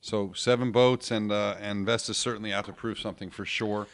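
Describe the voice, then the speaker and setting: A man co-hosting a casual chat, playful and animated, putting questions to his co-host. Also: fairly low pitch, brisk, smooth.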